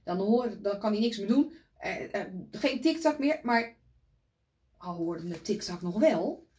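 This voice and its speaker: A woman reading a picture book aloud to children, gently pointing out the pictures as she goes. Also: mid-range voice, expressive, unhurried.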